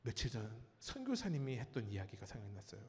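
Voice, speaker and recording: A man preaching a sermon as pastor, telling a story with lively acted-out cries and asking his congregation questions. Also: mid-range voice, quick pace, in a large hall. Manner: animated storytelling, acts out cries and quotes. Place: church sanctuary.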